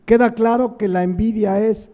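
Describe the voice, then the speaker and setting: A man preaching a sermon with a Mexican Spanish accent, teaching deliberately and asking the congregation questions. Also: high-pitched, steady tone, dark tone. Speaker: pastor.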